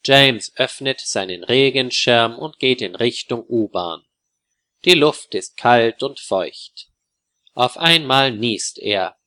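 A man narrating a story for learners in a slow, calm, clearly articulated reading. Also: medium pitch.

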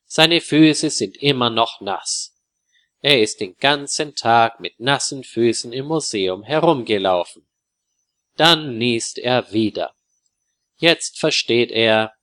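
A man narrating a story for learners in a slow, calm, clearly articulated reading. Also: mid-range voice.

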